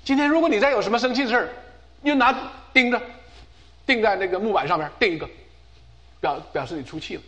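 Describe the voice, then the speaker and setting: A man voicing a wise, patient father who gently teaches his son, in a sermon story. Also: high voice, fast talker.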